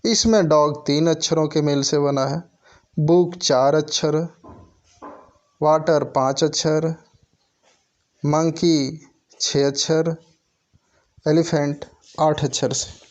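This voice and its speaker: A man teaching basic grammar in a slow, explanatory lesson. He reads English definitions and then explains them. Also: a little high, fairly even intonation, no echo.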